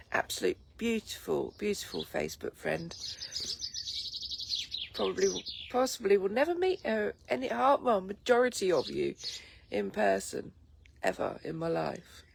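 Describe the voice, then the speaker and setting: On a morning livestream from her English garden, a sleepy woman with a Lincolnshire accent says hello to viewers in a medium-pitched, freshly woken, croaky voice. She rambles relaxedly, full of ums. Recorded on a phone camera, the background is noisy with loud birdsong and a light breeze.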